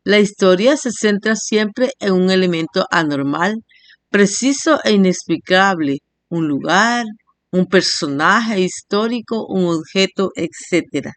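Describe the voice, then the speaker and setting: A woman teacher giving a recorded language lesson, reading definitions and slowly sounding out example words syllable by syllable. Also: mid-range voice, expressive, dry recording. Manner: slow, spells words out syllable by syllable. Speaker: primary school teacher.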